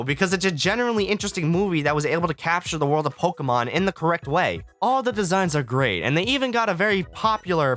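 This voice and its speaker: A film student in his young adult years hosts a video essay with casual, scripted review commentary. His voice sits on the high side and is a bit bright, and he talks in a profane, sarcastic way.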